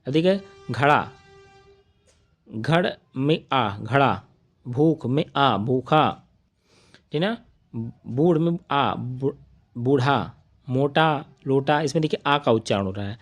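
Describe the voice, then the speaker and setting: A man teaching an online grammar lesson, listing examples one by one and asking questions that he answers himself in a lower voice. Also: animated, slow, long pauses. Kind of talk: live online grammar class.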